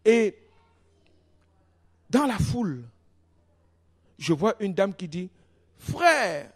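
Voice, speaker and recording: High-voiced animated male preacher. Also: slow. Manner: animated storytelling, swings between hushed and loud. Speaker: pastor. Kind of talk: sermon. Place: church.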